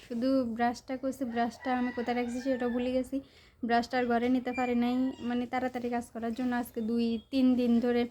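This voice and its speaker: A woman's voice: on the high side, slight background noise. Chatty Bangladeshi woman vlogging outdoors. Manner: chatty, rambling, addresses viewers directly; speaks slowly and softly on purpose at times. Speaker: village vlogger. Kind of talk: casual vlog narration while gardening. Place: outdoors in a village vegetable garden.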